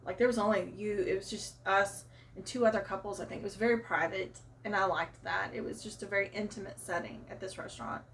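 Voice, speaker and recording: A woman's voice: medium pitch, fairly even intonation, brisk, a bit bright. A woman from Arkansas with a Southern accent, chattily retelling a personal story for her channel. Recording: voice a bit far from mic.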